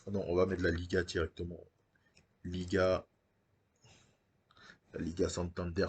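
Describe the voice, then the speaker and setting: Low-voiced man commenting on a game. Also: darkish tone. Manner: thinks aloud with frequent hesitations. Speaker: gaming channel host.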